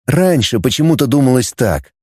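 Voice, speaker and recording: A man narrating an audiobook in an expressive, lively reading. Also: medium pitch, moderate pace, slightly rough, dry recording, clean studio sound. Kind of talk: scripted narration.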